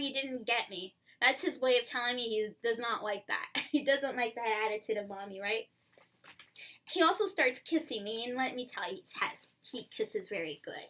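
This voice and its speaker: A woman's voice: fairly high pitch, bright, forceful tone. A woman talking casually to the camera as a first-time mom in a home vlog, chatty and rambling, often breaking into laughs.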